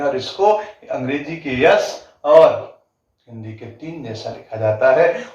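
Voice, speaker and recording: A fairly high-voiced man teaching a grammar lesson for exam students, stretching out his words and asking questions that he answers himself. He stands away from the mic in a very echoey room. The sound is dull and lo-fi. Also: a little mellow, far from the mic. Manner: asks the class questions then answers them himself; repeats definitions slowly with drawn-out words.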